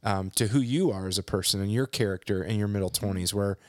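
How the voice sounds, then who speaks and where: A man with a low voice co-hosting a faith podcast, earnest and encouraging, often circling back and restarting his sentences. The sound is dry and close, with no room around it. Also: fast, no echo. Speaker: podcast co-host. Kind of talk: casual faith podcast chat.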